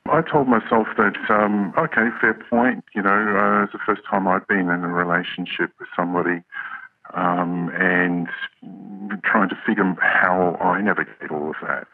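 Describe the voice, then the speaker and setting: A man with an electronically altered, disguised deep voice, speaking hesitantly as an interviewee on a radio program. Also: fairly even intonation, no room sound. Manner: hesitant, halting, many pauses. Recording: narrow, phone-like altered audio.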